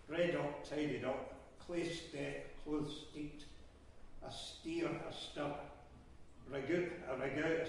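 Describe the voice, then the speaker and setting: A man's voice: medium pitch, a little mellow, slight background noise. A Scottish man from Glasgow, a poet, talking through a live reading in a rambling, hesitant way full of ems and ehs. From Glasgow, Scotland. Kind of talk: live poetry reading with digressions. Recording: echoey hall, voice from far off.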